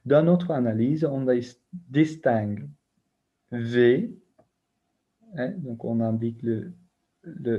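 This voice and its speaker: A man teaching a recorded grammar lesson, patiently spelling out letters and rules one by one. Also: mid-range voice. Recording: muffled lo-fi recording.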